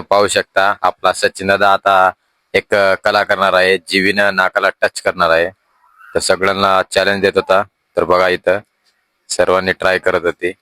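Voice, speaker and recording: A man's voice: low-pitched, sharp tone, no echo. A man vlogging a family trip, talking casually and addressing his viewers directly. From Telangana-Maharashtra border region, India. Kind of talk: casual vlog narration.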